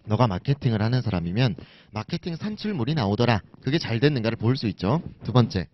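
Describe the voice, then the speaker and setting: Lively, chatty male lecturer. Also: mid-range voice, quick pace, slight background noise. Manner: conversational, asks and answers his own questions. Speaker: exam prep lecturer. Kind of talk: recorded lecture. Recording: dull lo-fi recording.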